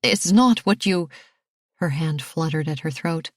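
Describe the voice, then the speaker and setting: A woman's voice: low-pitched, flat delivery, moderate pace, a little mellow, dry recording, studio quality. A woman voicing a flustered, anxious mother who cries out and stammers.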